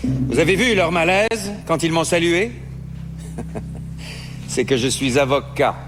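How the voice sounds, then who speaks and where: An actor playing a reflective, wry immigrant lawyer who narrates a stage play in a measured, musing tone. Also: male voice, a little high, sing-song, over music. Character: reflective middle-aged Italian-born immigrant lawyer, wry. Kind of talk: theatrical stage monologue.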